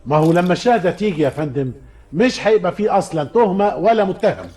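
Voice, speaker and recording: An Egyptian actor playing a defense lawyer who pleads deferentially with the judge. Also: male voice, high-pitched, animated, fast talker, mellow. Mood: pleading. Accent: Egyptian Arabic. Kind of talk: film drama acting.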